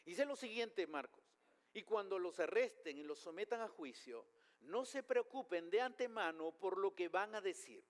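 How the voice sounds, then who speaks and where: A man's voice: sits high, animated, normal speed, long reverb tail. A man preaching a sermon as pastor, emphatic, with rhetorical questions put to the congregation. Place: church hall.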